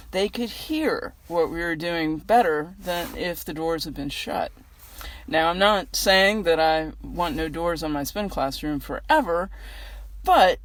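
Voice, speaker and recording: An American woman giving a casual inspirational reflection outdoors in a parking lot, talking in a chatty, earnest, conversational way. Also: fairly low pitch. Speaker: vlogger giving a weekly inspirational message. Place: outdoors in a gym parking lot in freezing cold.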